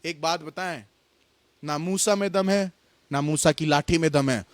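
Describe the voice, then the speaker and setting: A male pastor preaching a sermon, telling stories with lively acted dialogue and reading scripture aloud. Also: on the high side, measured pace, no echo. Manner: animated storytelling preacher, voices animals and God in dialogue. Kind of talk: Hindi sermon.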